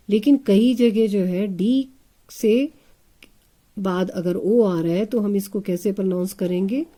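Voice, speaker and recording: A woman with a mellow, mid-range voice gives a slow English phonics lesson to children. She spells out each word letter by letter and sounds it out. Along the way she asks questions and addresses the pupils as children.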